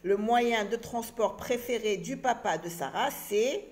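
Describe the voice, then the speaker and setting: Female teacher, early-reader lesson: slow, clear spelling-out, slightly high voice. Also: a little mellow. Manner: slow, spelling words letter by letter.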